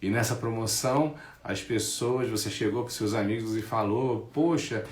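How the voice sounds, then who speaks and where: A man giving a casual talk about envy, lively, acting out what friends say in mocking voices. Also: fairly low pitch, moderate pace, roomy sound. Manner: animated, acts out quoted friends in mocking voices. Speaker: speaker on envy.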